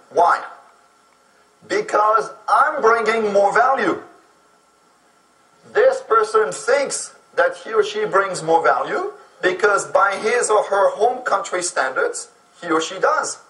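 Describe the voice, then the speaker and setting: High and sharp-toned, the voice belongs to a man from France, French by birth, delivering a lecture on immigrant employment. He explains as he goes and checks in with "okay?" again and again; he's off mic at a distance in an echoey space.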